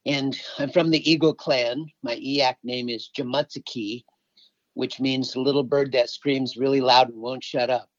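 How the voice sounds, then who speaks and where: He's a middle-aged man from Alaska, United States, an environmental activist answering interview questions in a chatty manner. His medium-pitched voice is steady and unhurried, with no room sound, captured in slightly dull, dry lo-fi audio.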